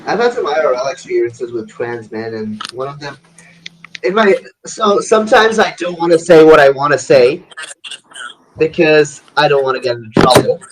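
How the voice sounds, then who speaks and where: A man's voice: on the high side, normal speed. A man in his twenties talking bluntly and crudely in a casual group chat, often restarting his sentences. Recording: noisy recording with audible hiss.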